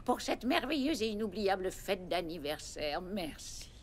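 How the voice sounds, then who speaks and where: A fussy, doting older mother with a lively, swooping voice. She speaks with a theatrical fondness, and some faint noise sits under her. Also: mid-range voice, measured pace. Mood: fussy, fond.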